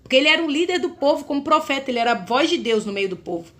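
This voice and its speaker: Brazilian woman preacher, high voice, fervent sermon delivery, keeps addressing the congregation directly. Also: animated, rapid-fire, fairly bright tone. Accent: Brazilian Portuguese. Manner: fervent, repeatedly addresses listeners as brothers.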